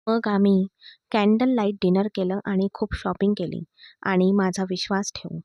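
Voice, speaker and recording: A woman's voice: medium pitch, steady tone, moderate pace, dry recording, highs cut off, natural voice. A woman reading the part of a hurt, defiant young wife who answers sharply and taunts her husband. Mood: bitter.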